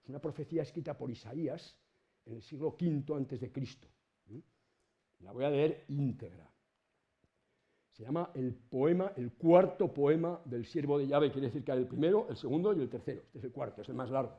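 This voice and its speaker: A middle-aged man with a Spanish accent from Spain, giving an informal lecture to students in a colloquial, animated way and swearing casually. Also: medium pitch, normal speed, muffled recording. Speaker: university lecturer.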